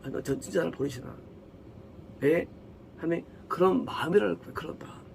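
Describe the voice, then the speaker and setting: Middle-aged korean-church pastor guy preaching, higher voice, kinda gravelly, keeps asking questions back at the crowd. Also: a little fast, a little mellow, a little hiss or hum. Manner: emphatic preaching, rhetorical questions, acts out God's voice. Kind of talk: sermon.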